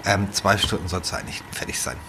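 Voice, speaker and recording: A man from northern Germany, a head chef, talking casually in an interview, with a relaxed, rambling manner and many fillers and restarts. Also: sits low, fairly quick, background noise.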